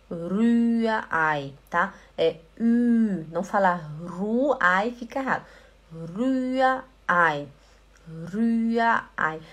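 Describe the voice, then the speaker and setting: A German teacher with a Brazilian Portuguese accent runs a live online lesson, repeating words slowly to drill pronunciation and reading viewers' comments aloud. Her voice is medium in pitch.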